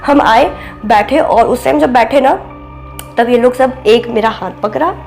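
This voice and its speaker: A young woman with a soft, babyish voice, telling a story as a podcast guest and acting out what people said. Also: a little high, a little slow, soft background music. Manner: animated, acts out quoted speech, mixes in English words. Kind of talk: casual spoken storytelling.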